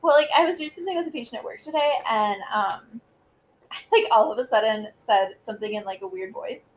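A woman's voice: fairly high pitch, a little fast, a little hiss or hum, poor audio. A woman in her thirties co-hosting a podcast in casual chat, rambling with lots of fillers and giggles. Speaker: podcast co-host.

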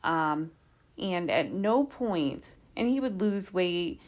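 Her voice fairly low and animated, a woman takes it slowly as she walks podcast listeners through a true crime case. She speaks casually from notes, mixing in asides and rhetorical questions.

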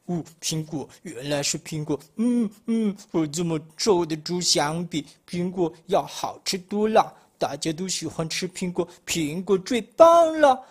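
A man doing a booming bossy wolf. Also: a little slow, breathy edge. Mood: excited. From Malaysia. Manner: booming, excitable. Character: bossy lead wolf, loud and fickle. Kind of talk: storybook reading.

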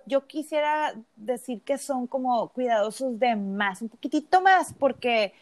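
A woman's voice: fairly high pitch, animated, a little slow. A woman co-hosting a podcast, telling a personal story in casual chat with plenty of fillers. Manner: chatty storytelling with many fillers. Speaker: podcast co-host. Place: lives in California.

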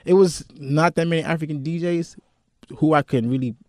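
A man from Nigeria with a Nigerian accent, a DJ guest in a casual interview, relaxed and chuckling often. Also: fairly high pitch, fairly quick, dry recording, studio quality. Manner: relaxed, laughs often, repeats words.

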